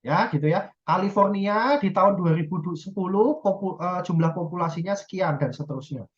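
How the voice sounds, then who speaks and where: A woman's voice: fairly low pitch, normal speed. Woman lecturing, dull lo-fi recording. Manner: explains step by step, often checks "ya" and self-corrects.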